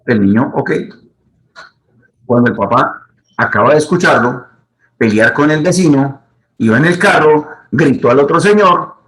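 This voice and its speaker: A man's voice: medium pitch, a bit bright, rough recording. A middle-aged man, a psychologist, giving advice to the camera in a teaching manner and repeating his key points. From Colombia.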